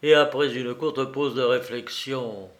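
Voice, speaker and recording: A man narrating a classic novel in a measured, unhurried reading. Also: mid-range voice, steady tone. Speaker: audiobook narrator.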